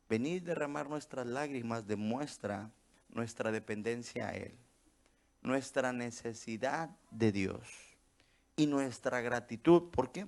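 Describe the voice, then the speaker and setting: A man's voice: mid-range voice, vocal fry, darkish tone. A man preaching a sermon as pastor, tossing out rhetorical questions and checking in with the congregation as he goes.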